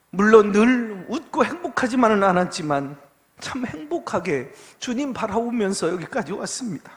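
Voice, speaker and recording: A man, a pastor, preaching an impassioned sermon that swings from soft storytelling to loud pleading. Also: very high-pitched. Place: church sanctuary. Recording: long church reverb.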